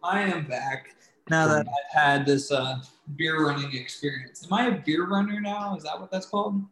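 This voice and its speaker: A man's voice: fairly high pitch, moderate pace, crowd noise. A man co-hosting a podcast in a casual, playful and rambling way. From Philadelphia area. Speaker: podcast co-host. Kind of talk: casual chat. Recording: roomy echo with faint background hiss.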